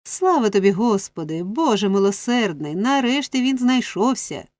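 A woman voicing a theatrical young woman who loudly wails and pleads in tears in an audiobook story. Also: medium pitch, big pitch swings, normal speed, no room sound, lightly acted. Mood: wailing. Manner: wailing, pleading exclamations.

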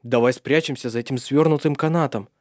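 An earnest young nobleman urges and reassures the woman he loves in a storybook reading, played by a man. He speaks at a mid pitch with urgency. The recording is close and dry. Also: fairly quick, darkish tone, dry recording, lightly acted. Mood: urgent.

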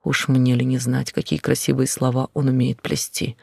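A man narrating a first-person novel in a quiet, intense, often whispered delivery. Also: medium pitch, level tone, normal speed, gravelly, breathy edge, no echo, studio quality. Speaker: audiobook narrator.

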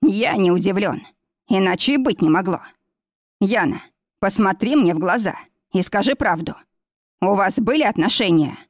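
A woman reading an audiobook, voicing a proud, jealous man who speaks slowly and menacingly. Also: mid-range voice, expressive, no room sound, clean studio sound. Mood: cold. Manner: slow, menacing.

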